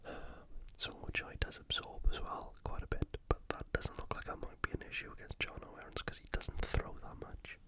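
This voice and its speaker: In a breathy, hushed whisper, this British ASMR host takes his time previewing upcoming sports. He's a video host from the United Kingdom, and nothing about his soft delivery feels rushed.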